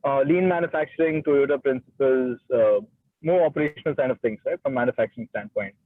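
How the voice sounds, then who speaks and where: A man's voice: mid-range voice, fast, no echo. A man in his late twenties from Gujarat with an educated Indian English accent, talking conversationally about himself in an interview and often tagging statements with "right?". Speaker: guest, startup founder. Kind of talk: conversational personal account in an online interview. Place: online call from a moving car. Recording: thin, muffled radio-like call audio.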